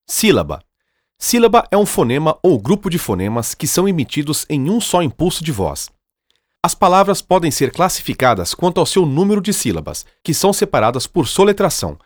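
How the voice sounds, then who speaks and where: Man narrating grammar rules, lively pitch. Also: no room sound, studio quality. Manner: even, measured reading of rule lists.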